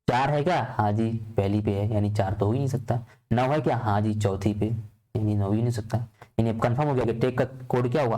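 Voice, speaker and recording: A man's voice: medium pitch, dark tone. A man teaching an exam-prep lesson, answering his own questions step by step in a patient, repetitive way. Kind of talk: exam-prep lesson explaining a reasoning puzzle.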